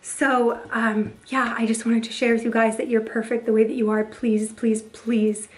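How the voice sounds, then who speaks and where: A woman vlogger talking earnestly and confidingly to camera, her voice hoarse and partly lost after a breathing tube. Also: a little high, level tone, a little fast. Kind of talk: earnest personal talk to camera.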